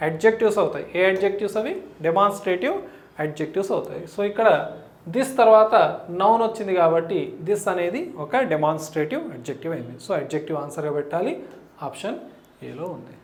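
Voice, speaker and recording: Echoey male grammar teacher quizzing himself. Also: sits high. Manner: asks and answers his own questions, checks understanding often. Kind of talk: exam-prep grammar lesson.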